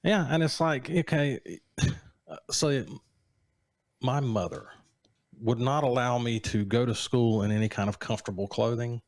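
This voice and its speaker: This podcast co-host is a man in his 40s, late forties to be exact, trading wry, joking banter and dry teasing in a relaxed conversation. He speaks at medium pitch and moderate pace with long pauses, captured in a dry recording.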